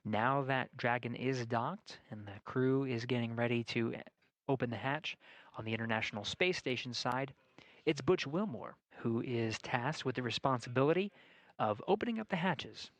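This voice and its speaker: A man giving measured, formal live broadcast commentary from mission control, explaining as he goes. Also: mid-range voice, no echo.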